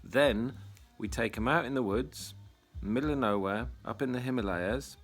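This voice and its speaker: A man's voice: mid-range voice, normal speed, faint music behind. A man, a retreat leader telling a story in a casual monologue, blunt, wry and full of swearing.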